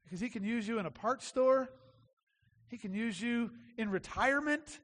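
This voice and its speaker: Male preacher, very high voice, chatty emphatic sermon, long echoing hall. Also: normal speed, fairly bright tone. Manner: conversational preaching, emphatic repetition. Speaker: pastor.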